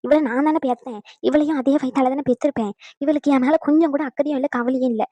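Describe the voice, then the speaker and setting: Self-pitying cartoon mom, middle-aged, quick and whiny, as a woman voices her. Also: sits high, fairly even intonation, warm tone, dry recording, close to an everyday voice. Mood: aggrieved. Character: aggrieved middle-aged mother, complaining.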